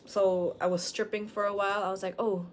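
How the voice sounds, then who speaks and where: A woman's voice: medium pitch, flat delivery, a little fast. A woman in her late twenties talking frankly at home, rambling and questioning herself in a personal vlog. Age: late 20s. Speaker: vlogger. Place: at home with dogs.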